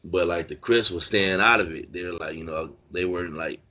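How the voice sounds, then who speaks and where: Very deep voiced californian guy rambling through prison stories, lots of likes and you knows. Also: a little fast, sharp tone. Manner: rambling, filler-heavy street talk. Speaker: interview guest, former prisoner. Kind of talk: casual storytelling interview.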